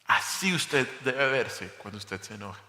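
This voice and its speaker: A man preaches to his congregation with a bright, forceful voice, pressing his points with rhetorical questions. The sound rings with a long, roomy reverb from the church hall. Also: medium pitch, expressive, a little slow. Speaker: pastor. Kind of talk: expository sermon.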